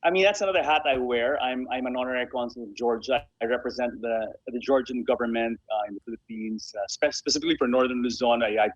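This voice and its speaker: A man who founded a sports association and serves as an honorary consul speaks as a guest in a conversational radio interview, emphatically repeating phrases to stress them. His mid-range voice is husky and quick with hardly any pauses, in a dry, lo-fi recording.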